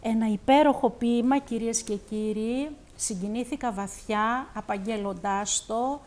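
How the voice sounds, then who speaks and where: A woman TV host with a Greek accent, interviewing a poet and reciting poetry, speaking in an emphatic, effusive way. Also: fairly high pitch. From Greece. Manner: warm, emphatic, switches between Greek and English.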